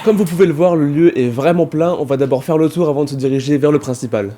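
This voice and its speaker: A man delivering a scripted voice-over for his exploration video, brisk and wry. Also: on the high side, warm tone. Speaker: video creator.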